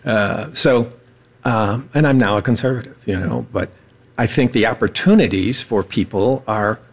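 A man in his seventies, speaking haltingly with many pauses as a panelist in a discussion. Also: on the low side, breathy edge. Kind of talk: casual discussion.

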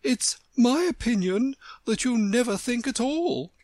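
A woman's voice: mid-range voice, sing-song, unhurried, no echo, pitched above the performer's own voice. A woman voicing a critical, condescending talking flower with a severe manner in a storybook. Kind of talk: storybook character voice.

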